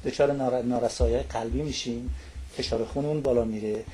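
A man's voice: medium pitch, fairly even intonation, mellow, slight background noise. A man explaining a topic as a studio guest on a talk show. He lectures in long lists and keeps checking in with his listener through little tag questions.

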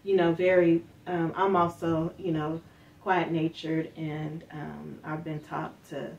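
Soft-spoken woman, distant mic. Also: sits low, little pitch movement, slow, vocal fry, dull audio. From Northern Kentucky. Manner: soft-spoken, many fillers, acts out quoted speech. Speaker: interviewee. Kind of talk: personal storytelling interview. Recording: distant mic with faint background hiss.

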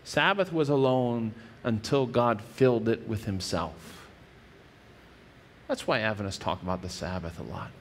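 A man's voice: fairly low pitch, measured pace, slight background noise. Earnest male pastor in a reverberant church. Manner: earnest, explanatory preaching with frequent restarts. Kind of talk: sermon. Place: church stage with wood-paneled wall.

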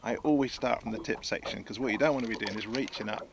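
Sitting in a small boat on a lake, a man in his sixties who works as a fishing guide chats through his tackle setup as a how-to demo, often restarting his sentences. He talks fast in a gravelly, mid-range voice, with wind and water sounds around him.

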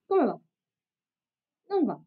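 A woman's voice: high-pitched, very animated. A woman with a light Lombard Italian accent chatting easily on a video call from her bedroom while speaking through a fursuit head. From Lombardy, Italy. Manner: easygoing, quick to laugh. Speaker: streamer chatting with strangers in a wolf costume. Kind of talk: casual video chat. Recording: dull lo-fi video-chat audio.

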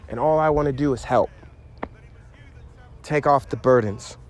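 A man preaching an emotional testimony sermon, pleading, going from hushed to rising. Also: medium pitch, measured pace. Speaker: pastor.

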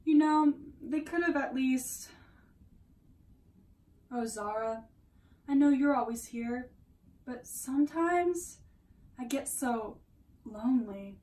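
A woman's voice: high-pitched, takes it slowly, pauses often, darkish tone. A young woman playing a lonely, earnest teenage girl who confides in her invisible friend, in a theatrical, wistful dramatic monologue. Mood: sad, wistful. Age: young adult. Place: small room at home, indoors. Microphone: camera a few metres away. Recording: distant microphone in a room.

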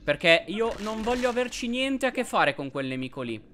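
A man hosting a let's play, commenting on gameplay and yelping excitedly at enemies. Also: sits high, normal speed, slight background noise. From Italy. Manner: excitable, yelps and shouts at enemies.

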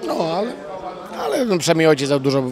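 Young man, fighter, halting speech, fillers and restarts, slightly high voice, handheld mic outdoors. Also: big pitch swings, a crowd in the background. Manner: halting, many fillers and restarts, blunt slang. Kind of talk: post-fight interview. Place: outdoors at an event press wall. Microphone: handheld reporter mic.

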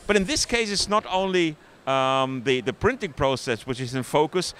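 Upbeat host at a busy trade fair. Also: male voice, on the high side, expressive, moderate pace, a bit bright. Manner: upbeat, stumbling restarts. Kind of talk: trade fair walking interview. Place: busy indoor exhibition hall. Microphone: handheld mic held close. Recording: faint trade-fair crowd noise.

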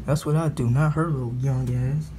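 A man's voice: mid-range voice, fairly even intonation, normal speed, warm tone, slight background noise. A young man from the United States, talking bluntly and with lots of profanity as he films a thunderstorm from his window. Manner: blunt and profane, scolding then muttering. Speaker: vlogger. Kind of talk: casual vlog commentary. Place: indoors at a window during a storm.

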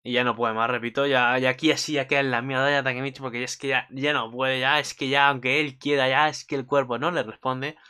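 A man's voice: mid-range voice, little pitch movement, quick pace, few pauses, sharp tone, smooth. A man giving a casual, rambling recap of an anime episode, swearing often and restarting his sentences. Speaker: anime commentator.

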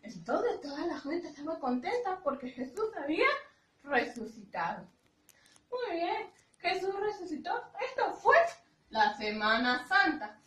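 A woman teacher telling a story slowly and expressively to young children, repeating each point in simple words. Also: high voice, sing-song, fairly bright tone, recorded from a distance. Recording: roomy echo, voice from afar.

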